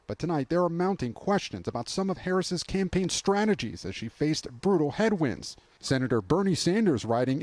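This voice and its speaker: A man's voice: a little high, darkish tone, no room sound. An American man delivering scripted television news narration as a correspondent.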